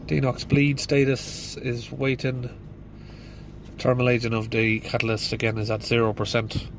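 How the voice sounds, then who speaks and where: A noisy background accompanies a middle-aged mechanic thinking aloud inside a van. His medium-pitched voice is monotone with vocal fry, moderately paced, and congested from hay fever. It's a casual diagnostic walkthrough, plain and full of fillers.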